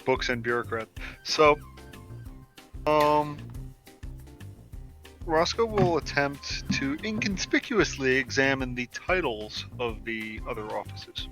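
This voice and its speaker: A man playing a tabletop game, talking in a low-key, wry way. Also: takes it slowly, long pauses, fairly bright tone, faint music behind. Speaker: player.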